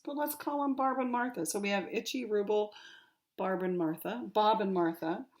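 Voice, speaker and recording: Slow-talking young woman retelling a tale. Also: mid-range voice, a little mellow. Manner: slow, halting retelling with dramatic swells. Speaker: student in a telephone game. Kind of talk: retelling a story.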